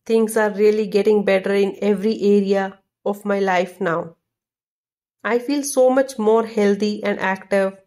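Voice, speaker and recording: A woman's voice: mid-range voice, darkish tone. A woman reads a scripted romantic message of sweet nothings to a sweetheart in a tender, affectionate manner.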